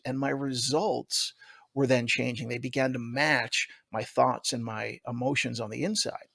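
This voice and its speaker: A man with a gravelly voice, a stage performer telling a personal story in a conversational way. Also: medium pitch, fairly bright tone, dry recording, studio quality.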